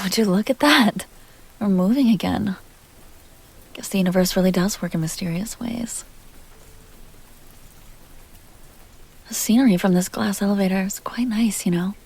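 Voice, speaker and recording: Voicing an immortal vampire heiress in an intimate ASMR roleplay, a woman speaks in a husky, breathy, slightly mellow mid-range voice, often slipping into a fry-crackled whisper. She takes her time and coaxes, by turns teasing, tender and wistful, with the mood going from teasing and soothing to musing and sultry.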